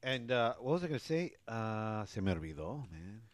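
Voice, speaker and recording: A man's voice: lowish voice, sing-song, moderate pace, no echo. A middle-aged man co-hosting a casual talk show, joking in slang and dropping bits of Spanish into his English. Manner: slangy, jokey, ends phrases with "eh". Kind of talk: casual chat.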